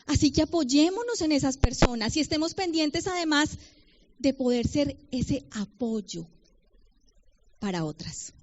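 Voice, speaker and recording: A middle-aged Colombian woman, a women's ministry speaker, gives a personal testimony sermon to a women's gathering in a conference hall. Her animated voice sits high, and she slips humor in between slow, careful readings of Bible verses. The event recording is dull and lo-fi.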